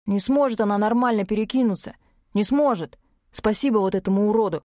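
A woman reading an audiobook, voicing a brash, foul-mouthed young male werewolf twin in a rough, quick voice. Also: mid-range voice, darkish tone, no room sound, studio quality, close to an everyday voice. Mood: agitated.

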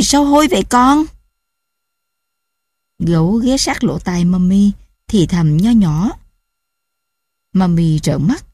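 A woman's voice: mid-range voice, slightly rough, no room sound, studio quality. A woman, tenderly telling stories as a mother. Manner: tender, gently affectionate storytelling. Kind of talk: storytelling narration.

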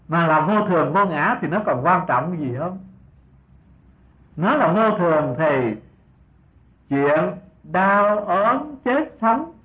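An older monk preaches a slow, gentle sermon, his pitch rising and falling freely. He keeps asking rhetorical questions and chuckles softly between points. It is heard through a thin, tinny old recording. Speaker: Buddhist monk teacher. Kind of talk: dharma talk sermon.

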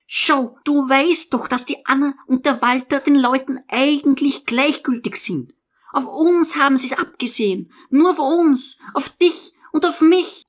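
A man's voice: very high-pitched, a little slow, voice pushed up. Man voicing a stern cold young woman. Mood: urgent pleading. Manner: sharp, cold and insistent. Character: stern unrelenting young woman, elder daughter. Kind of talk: audiobook reading.

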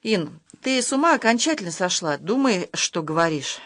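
A reader voicing an angry, short-tempered husband who yells and scoffs, in an audiobook. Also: medium pitch, big pitch swings, moderate pace, no echo, clean studio sound. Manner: yelling, scornful. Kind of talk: audiobook role reading.

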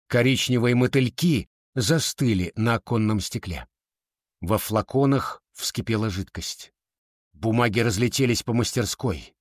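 A man narrating a story as an audiobook reader, in an expressive, measured reading. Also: medium pitch, no echo, studio quality.

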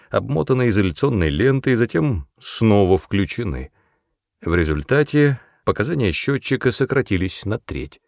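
A man narrating an audiobook in a steady, measured reading voice. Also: lowish voice, gravelly, dry recording, studio quality.

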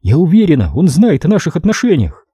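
A man voicing an anxious young woman who asks hurried questions in an audiobook. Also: fairly high pitch, wildly swooping pitch, warm tone, slightly rough, no echo, pitched above the performer's own voice, full character voice.

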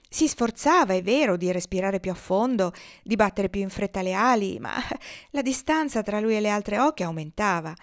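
Woman, audiobook reader, expressive storybook reading, lively, animated, mid pitch.

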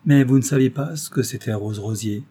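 A man's voice: mid-range voice, a little fast, husky, lightly acted. A man reading aloud voices a playful, mischievous young woman who teases an older man. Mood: teasing. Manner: lively, teasing.

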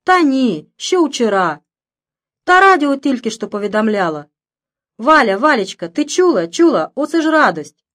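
A woman reading an audiobook, voicing an excited Ukrainian village neighbor woman with a sing-song Ukrainian accent. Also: high-pitched, a little slow, pitched above the performer's own voice, full character voice. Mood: joyful. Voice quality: sing-song, mixing Ukrainian words into Russian.

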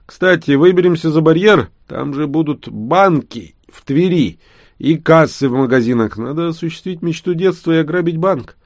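A cheeky young man jokes lightheartedly, as a male audiobook reader puts on his voice. The voice sits high above the reader's deep tone. The recording is close and dry. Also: moderate pace, a little mellow, no echo. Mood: joking.

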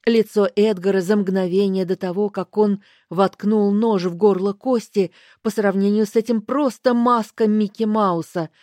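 A woman giving first-person audiobook narration in a slow, deliberate way. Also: medium pitch, fairly even intonation, mellow, no room sound, clean studio sound.

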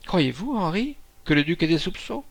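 A coy young society lady, pleading and emotional, her voice lifted higher and swinging widely in pitch, as a male reader puts her on. She sounds like an audiobook character caught between wounded pride and cunning, with a gravelly edge underneath. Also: big pitch swings, moderate pace, no room sound, heavily acted. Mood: anxious.

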